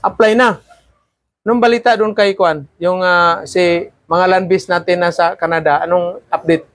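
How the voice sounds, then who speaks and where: Guy teaching seaman trainees, highish voice, dry close sound, keeps asking ha? di ba?. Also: steady tone, moderate pace, a bit bright, no room sound. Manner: lecturing, with frequent "ha?" and "di ba?" checks. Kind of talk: classroom talk.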